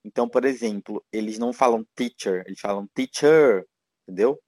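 A man's voice: lowish voice, steady tone, quick pace, a little mellow, no echo. A Brazilian man, a guest in a casual interview, talking in a rambling way with many fillers and restarts. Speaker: guest, teacher living abroad.

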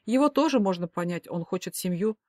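A woman voicing a gloomy young divorced woman who answers in flat, weary replies. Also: medium pitch, fairly quick, no room sound, clean studio sound, lightly acted.

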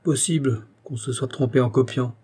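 A man's voice: medium pitch, normal speed, husky, close to an everyday voice. A man voicing a stiff, sour tax collector who speaks curtly and sharply. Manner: curt and sharp.

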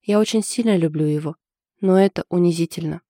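A woman's voice: fairly low pitch, a little fast, mellow, no echo, studio quality, lightly acted. A woman voicing an anxious young woman in love, confiding in a hesitant way. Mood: bitter.

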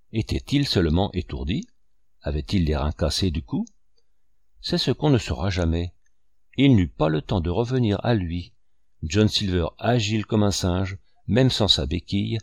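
A man narrating an audiobook in a steady, measured storytelling manner. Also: deep voice, dry recording, clean studio sound.

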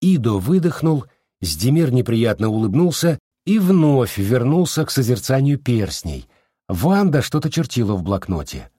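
A man narrating an audiobook, expressive, voicing every character himself. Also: medium pitch, normal speed, breathy edge, dry recording, studio quality. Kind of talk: scripted narration.

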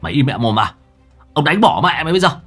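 A man voicing a rough young thug who barks fast, loud threats. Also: fairly high pitch, sing-song, soft background music, voice pushed up, exaggerated voice. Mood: threatening.

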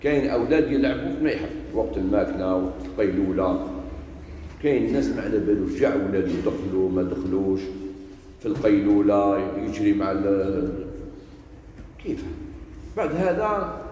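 Algerian preacher man, animated sermon, booming hall reverb, distant mic, faint hiss. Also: fairly quick, lo-fi sound. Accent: Algerian Arabic. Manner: animated, shifting between loud emphasis and quiet asides. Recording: echoey hall from far off.

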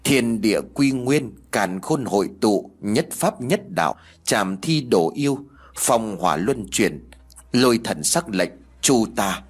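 A man plays a wounded middle-aged exorcist, urgent and commanding, in a spoken ghost-story recording. The voice is husky and fairly low, with pitch that swings widely. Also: lively intonation, brisk. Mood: chanting.

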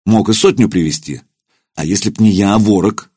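A man's voice: fairly low pitch, brisk, a little mellow, breathy edge, no room sound, clean studio sound. A man voicing a stern, commanding young prince warrior in an audiobook, speaking curtly. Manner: curt, commanding.

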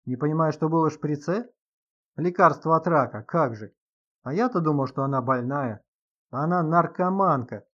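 A man reading an audiobook, voicing an angry, brash young male stripper who shouts and sneers in rough slang. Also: fairly high pitch, moderate pace, dull audio. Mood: sneering.

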